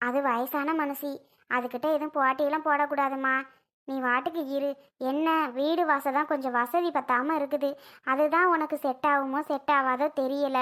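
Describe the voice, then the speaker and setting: A woman's voice: high voice, fairly bright tone. Woman doing a fretting old village mother. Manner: fretting, lamenting. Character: older village mother, anxious and doting. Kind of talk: cartoon voice acting.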